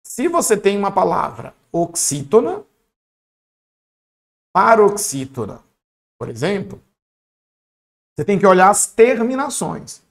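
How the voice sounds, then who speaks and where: A man teaching an online exam-prep lesson, speaking in a lively, colloquial and encouraging way and often checking in with his students. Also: sits high.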